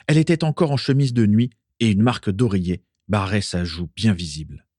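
A man reading a storybook aloud with expressive storytelling. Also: lowish voice, fairly quick, dry recording, clean studio sound. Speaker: narrator. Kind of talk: audiobook reading.

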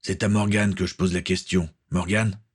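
A man playing a stern, protective uncle, deep and slightly husky, questioning calmly before turning cold. It is close to the reader's own low voice. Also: moderate pace.

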